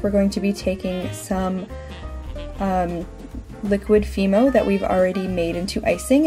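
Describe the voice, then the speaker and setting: A woman in her thirties hosts a craft tutorial in a chatty, informal way. Her voice sits at an average pitch for a woman, and music plays behind her as she explains. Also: dark tone. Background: background music.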